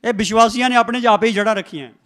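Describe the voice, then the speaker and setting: A man's voice: high-pitched, racing, fairly bright tone. A man preaching a sermon to a congregation in church, emphatic and repetitive, calling for responses. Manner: emphatic, repeats phrases, calls for congregation response.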